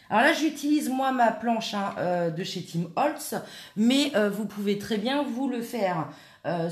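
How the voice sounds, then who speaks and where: A woman hosts a live craft demonstration, chatting as she works and replying to viewers by name. Her voice sits a little high. The room around her is echoey. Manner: chatty, talks while working, answers viewers by name. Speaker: craft tutorial host.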